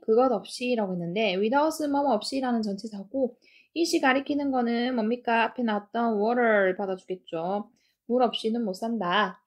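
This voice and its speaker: A woman teaching English grammar, explaining each sentence step by step and reading the English lines slowly. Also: a little high. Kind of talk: grammar lesson.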